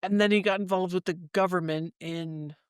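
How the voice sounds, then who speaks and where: Man, high voice, podcast co-host, quizzical, thinks aloud, dry recording. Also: fairly even intonation, moderate pace, clean tone, no room sound. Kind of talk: casual podcast chat, guessing game.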